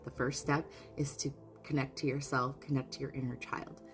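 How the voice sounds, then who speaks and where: Low-voiced earnest woman reading spirit messages. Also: flat delivery, moderate pace, faint music behind. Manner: earnest and openly emotional, with frequent restarts. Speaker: spiritual card reader. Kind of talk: casual spoken oracle reading.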